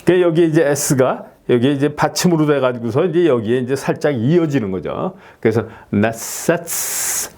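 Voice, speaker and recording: A man teaching English pronunciation, filling pauses with "yes" and repeating each word slowly. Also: a little high, expressive, a little mellow. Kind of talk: explaining lesson to camera.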